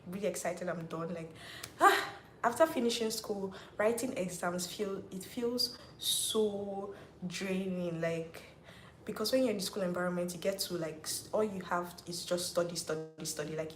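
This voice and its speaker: A Nigerian woman in her twenties hosts a live Q&A on YouTube, chatting casually, reading viewer comments aloud and saying "like" often. Her voice is fairly low in pitch. There's slight background noise and a roomy echo.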